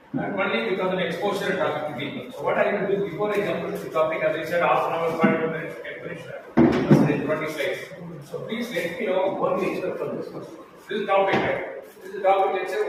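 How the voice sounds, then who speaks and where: A middle-aged man giving an informal, interactive lecture, conversational and often checking with his listeners. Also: high-pitched. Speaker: guest lecturer from industry. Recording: echoey hall, distant mic, noisy background.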